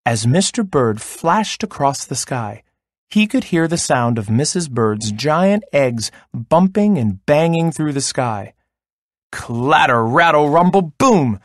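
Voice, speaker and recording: Man reading a kids' folk tale, slow, lively up and down pitch, dry close sound. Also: dry recording. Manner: slow, expressive storytelling. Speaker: storyteller. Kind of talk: storybook read-aloud.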